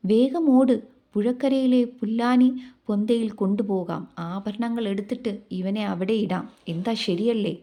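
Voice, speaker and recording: A sly male thief, voiced by a woman narrator sweet-talks a child he has snatched in a devotional story. His manner is coaxing and wheedling. The voice stays mellow. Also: mid-range voice, unhurried. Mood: urgent.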